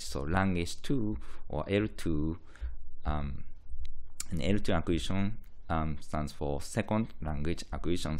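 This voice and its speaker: A low-pitched university linguistics lecturer, a native Japanese speaker with a Japanese accent, explains terms in his lecture. He hesitates, repeating and restating key phrases.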